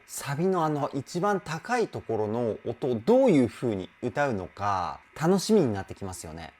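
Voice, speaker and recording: Guy vocal coach breaking down a song, voice jumps all over, super animated. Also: mid-range voice. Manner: animated, exclaims, sings short demos. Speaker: vocal trainer. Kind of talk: song analysis commentary.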